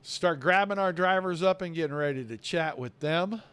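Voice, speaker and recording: High, crisp-voiced male race commentator. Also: no echo. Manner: fast, excitable play-by-play.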